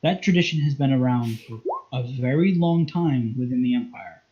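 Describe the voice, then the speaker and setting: A man voicing a cold, dismissive imperial chancellor in a tabletop game, speaking slowly and formally, on a muffled lo-fi recording. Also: mid-range voice, animated, close to an everyday voice. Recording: muffled lo-fi audio.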